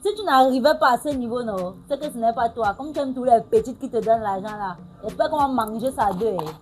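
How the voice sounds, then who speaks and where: Actress as young adult daughter, defiant, dismissive, fairly high voice. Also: female voice, quick pace, close to an everyday voice, rough recording. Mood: teasing. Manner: dismissive and talking back. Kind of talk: film drama acting.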